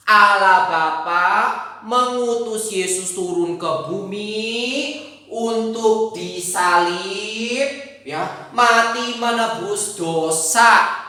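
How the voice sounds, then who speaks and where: A woman teaching Sunday school, telling a Bible story to children in a lively way and acting out the voices. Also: on the high side, drawn-out words. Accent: Indonesian. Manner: animated, acts out voices and exclamations. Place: church hall. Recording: echoey room, voice from far off.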